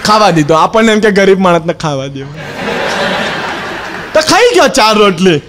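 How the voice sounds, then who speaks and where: A man performs a stand-up routine in the guise of a cheeky schoolboy, his voice sitting unusually high for a man. He tells the story with sly mischief, slipping into the voices of the people he quotes. A faint hum of background noise runs under the recording. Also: sing-song, moderate pace. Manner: cheeky storytelling, acting out the other people's lines. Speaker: stand-up comedian. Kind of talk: comic monologue in character as a schoolboy.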